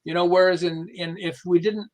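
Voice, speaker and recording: The podcast's expert guest, a behavioral management specialist, talks with a high pitch and plenty of animation. Anecdotes carry his explanations, delivered haltingly as he cuts off and then picks up his sentences again.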